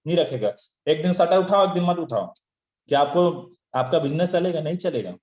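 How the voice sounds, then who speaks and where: A man's voice: a little high, animated, normal speed, darkish tone. A man giving a motivational training talk to sales recruits, firing off rhetorical questions and scolding his listeners, with chuckling asides. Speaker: network marketing trainer. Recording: echoey room.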